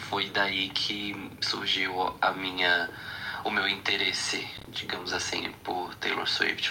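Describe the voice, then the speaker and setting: A man from Brazil with a Brazilian accent telling a story in a recorded voice-message testimonial, relaxed. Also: low voice, creaky, a little hiss or hum, low-quality recording. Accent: Brazilian Portuguese. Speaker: listener sending a voice message.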